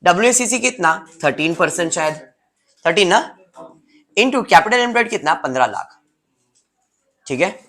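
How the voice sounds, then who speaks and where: A man's voice: high voice, animated, moderate pace, pauses often, a bit bright. A male teacher gives a classroom lecture, explaining step by step and teasing students by name.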